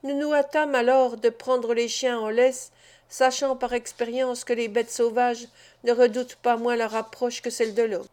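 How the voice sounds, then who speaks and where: A woman's voice: on the high side, little pitch movement, normal speed, a little mellow, lightly acted. A woman reading the part of a bold teenage boy recounting a hunt in an audiobook. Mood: proud. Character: bold teenage boy, eldest son, keen hunter.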